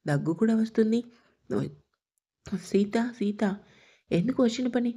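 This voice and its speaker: A woman's voice: on the high side, animated, measured pace, dark tone, husky. A woman voicing a scheming young woman who mocks and taunts her rival, in a narrated audio story. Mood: mocking. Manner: mocking, taunting.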